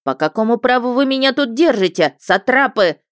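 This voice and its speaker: A woman voicing a whiny male water-spirit prisoner who shrieks his complaints in a shrill, tearful voice. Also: animated, normal speed, no echo, clean studio sound, close to an everyday voice. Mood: indignant shrieking. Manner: shrill, whining, indignant.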